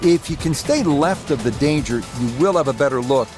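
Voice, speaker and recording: A man as a composed golf commentator in a video game, giving measured broadcast play-by-play. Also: fairly high pitch, animated, natural voice. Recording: loud music and crowd behind. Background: music and crowd.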